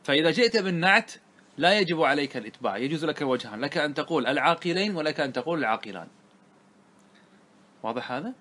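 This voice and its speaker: Grammar sheikh teaching a lesson. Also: male voice, fairly high pitch, lively intonation, pushed and bright. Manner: asks students rhetorical checks, recites verse slowly. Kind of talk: classroom lesson explaining a grammar poem.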